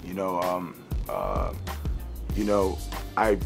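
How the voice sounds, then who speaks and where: With music behind him, a young rapper talks in a relaxed studio interview on a green-screen set, cursing freely and padding pauses with "uh" and "you know". His low, creaky voice has a sing-song lilt, and he takes it slowly.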